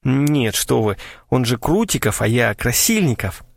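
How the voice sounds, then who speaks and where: A man's voice: mid-range voice, sing-song, measured pace, vocal fry, dry recording, exaggerated voice. A man voicing an anxious, dim-witted young male writer who protests in a whiny, panicky way. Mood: flustered.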